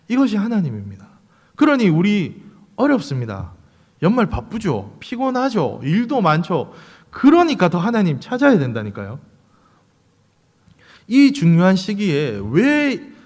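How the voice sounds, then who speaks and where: A man, preaching a sermon as pastor, with rhetorical questions and light humor. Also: sits high. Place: church sanctuary. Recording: long reverb of a church sanctuary.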